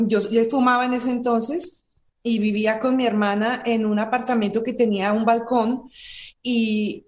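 A woman's voice: a little high, a little mellow, roomy sound. Earnest woman telling her story. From Colombia. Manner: earnest, emotional storytelling, often repeating herself. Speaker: interview guest. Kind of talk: personal testimony in conversation.

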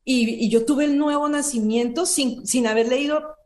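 A woman in her forties tells her personal story in an interview, earnest and emotional, circling back and repeating words. Her voice sits a little high. The room has a noticeable echo around her. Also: moderate pace, darkish tone. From Colombia. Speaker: interview guest. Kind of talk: personal testimony in conversation.

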